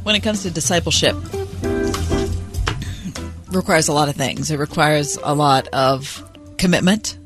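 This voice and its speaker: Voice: mid-range voice, unhurried, pauses often, over music. A radio co-host talking casually on a show.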